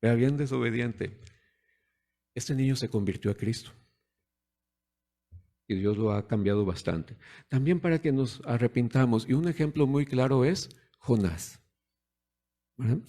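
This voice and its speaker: Unhurried and mellow, a medium-pitched man delivers a conversational sermon with long pauses. He throws rhetorical questions at the congregation and voices both parents and children.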